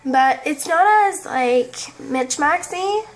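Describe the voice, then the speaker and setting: A woman casually commenting on a life-sim game, rambling and halting, often tripping over words. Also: sits high. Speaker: game video creator.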